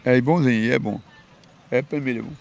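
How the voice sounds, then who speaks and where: Older farmer guy, gravelly and quick, folksy and repetitive, handheld mic outdoors. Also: mid-range voice. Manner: emphatic, folksy, repeats himself. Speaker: donkey cart owner. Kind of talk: casual interview answers. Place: outdoor dirt fairground with animals. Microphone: handheld mic held by interviewer.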